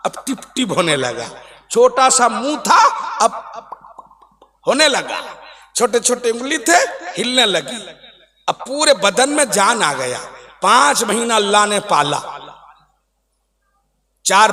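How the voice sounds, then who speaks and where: High-voiced impassioned male preacher, echoing hall. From West Bengal, India. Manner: impassioned, swinging between shouted peaks and hushed drops. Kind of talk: Islamic sermon.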